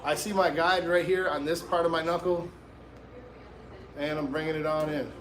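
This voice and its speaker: A man's voice: a little high, fairly even intonation, normal speed, echoey room, a crowd in the background. A man hosting a live haircut tutorial as a barber, talking casually and in slang straight to his viewers. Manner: informal, slangy, addresses viewers directly. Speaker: barber and livestream host giving a haircut tutorial.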